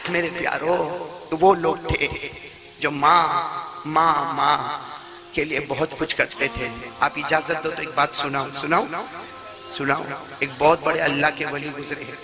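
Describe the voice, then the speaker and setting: A man preaching an emotional religious sermon, calling on the crowd to answer him and rising to loud cries. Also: fairly high pitch. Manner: calls on the crowd to repeat, rises to loud cries.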